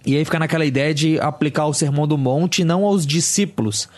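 A man's voice: on the high side, fairly quick, soft background music. Thoughtful, hesitant man. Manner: thoughtful, hesitant, many fillers. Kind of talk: podcast theological discussion.

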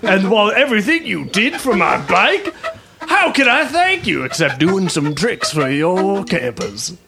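A man puts on a boastful old stunt biker, all swagger and showmanship, in an improvised comedy bit. The voice sits high and gravelly and swoops widely. Music plays underneath. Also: sing-song, measured pace. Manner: showy, playful boasting. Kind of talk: improvised comedy role-play.

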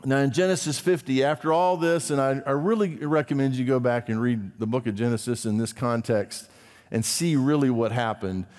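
A man preaching a sermon as pastor, swinging from emphatic high peaks down to low, quiet asides. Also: moderate pace, in a large hall. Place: church sanctuary.

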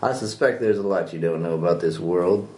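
A man voicing a very old man, a courteous, grave sage who speaks in a measured, formal way at a tabletop game. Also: low voice, voice pushed down, lightly acted. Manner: measured, formal, gently probing. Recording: roomy tabletop recording with faint noise.

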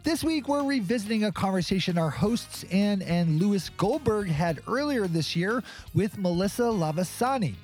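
A man reading a scripted podcast introduction in a polished, measured announcer style. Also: high voice, darkish tone. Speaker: show announcer.

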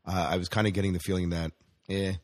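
A man with a low, level voice talks fast while hosting a casual entertainment news podcast. He keeps it conversational and often puts questions to his co-host. The recording is clean, with no room sound.

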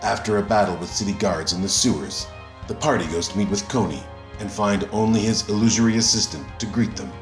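A man's voice: lowish voice, a little fast, reverberant, over music. A man reading a scripted podcast intro and recap. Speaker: show narrator.

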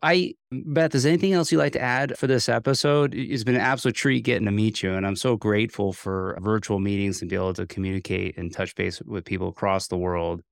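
American guy hosting a casual podcast chat, creaky but resonant voice, pretty low. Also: fairly even intonation, fairly quick, few pauses, dry recording, studio quality. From United States. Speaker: podcast host.

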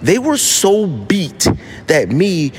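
A high-pitched American man hosts a casual solo podcast, taking it slowly while his pitch swoops wildly. He's slangy and emphatic, repeating phrases for effect, against slight background noise.

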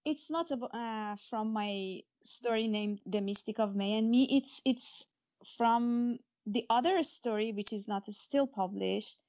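A slightly mellow, higher-pitched voice carries this guest author's earnest talk about faith and her stories. English is her second language, so she speaks a little slowly with many restarts and fillers.

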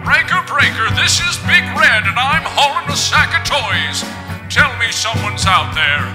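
A man's voice: very high-pitched, animated, a little slow, pitched above the performer's own voice. A man voicing Santa as a trucker calling out over a CB radio with drawling radio chatter, in a comedy country song. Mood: hearty. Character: jolly male Santa trucker talking on CB radio. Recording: hall echo, loud country guitar, off-mic.

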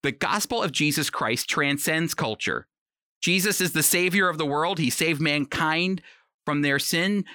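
A man with a slightly high, sharp voice delivers a conversational Bible teaching for a program, addressing the listener directly and emphatically with rhetorical questions. It's a prepared radio talk in the style of a teaching sermon, recorded at studio quality with no echo.

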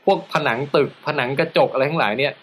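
A man co-hosting a relaxed talk show, explaining a news item at an easy pace. His voice sits in an average register, and he is chatty, often laughing and pausing on fillers as he thinks aloud. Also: mid-range voice, slight background noise. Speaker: podcast co-host telling a news story. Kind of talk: casual chat.

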